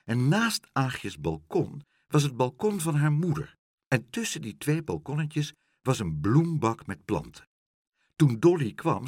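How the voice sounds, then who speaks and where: A man reads a children's story aloud, his pitch swooping widely as he tells it. His voice is husky and on the lower side. The recording is close and very dry. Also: dry recording. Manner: lively expressive storytelling. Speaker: narrator.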